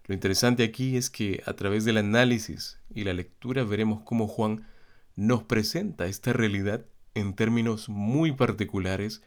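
Earnest low-voiced male Bible teacher. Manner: earnest, measured, addresses listeners directly.

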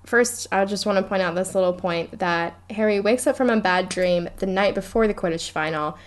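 A woman co-hosting a casual book podcast, chatting and reading passages aloud with animated energy. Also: medium pitch, normal speed. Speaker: podcast co-host. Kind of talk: casual book-club chat.

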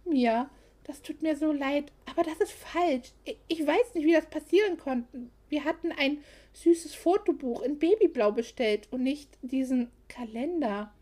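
Woman reading young anxious woman, flustered, rushed, fairly high voice, audiobook. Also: dark tone.

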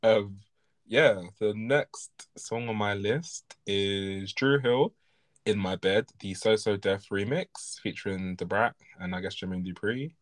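Male podcast co-host, lowish voice, rambling and self-correcting, chuckling as he goes. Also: unhurried. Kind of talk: casual chat.

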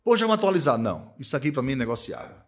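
A man talking in a relaxed podcast chat, in a mid-pitched voice. He is emphatic and circles back on his points. He keeps checking in with his listener. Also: racing. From Northeast Brazil. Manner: emphatic, repeats himself, tag questions "tá?" and "né?". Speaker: accounting firm owner, podcast guest. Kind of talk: casual podcast conversation.

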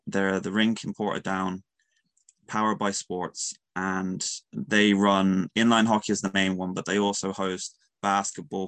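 A man from County Mayo with a west of Ireland accent, giving casual interview answers in an earnest, halting way that repeats words. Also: deep voice, vocal fry, fairly bright tone, no room sound. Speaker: youth sports coach and player.

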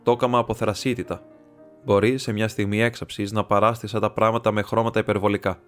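A man's voice: fairly low pitch, level tone, fairly bright tone, faint music behind, lightly acted. A man reading as a scornful proud nobleman. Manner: mocking and defiant. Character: proud scornful male nobleman making a bitter confession.

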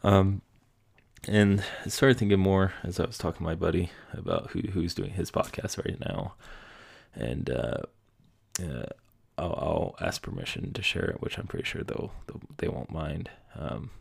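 Gravelly low-voiced man, rambling podcast. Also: lively intonation, moderate pace. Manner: rambling, self-deprecating, many fillers. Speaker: podcast host. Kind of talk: casual solo podcast monologue. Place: home basement room.

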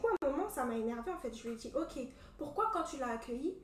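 Young woman, from Cameroon, animated storyteller, roomy echo, faint background hiss. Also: high voice, fast talker. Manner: animated storytelling, many fillers. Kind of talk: casual chat. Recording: echoey room from a distance.

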